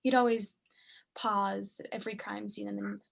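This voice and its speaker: Here a young adult woman, medium in pitch with a level, creaky tone and moderate pace, acts onstage as a girl on a date who is morbidly curious. She sounds curious and chatty, speaking casually with slight hesitation, and there's a bit of background noise. It's student acting in a naturalistic style.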